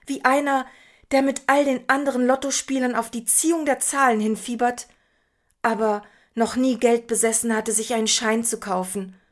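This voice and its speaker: A woman in her fifties narrating a devotional story in an earnest, reflective, conversational way. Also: a little high. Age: 50s.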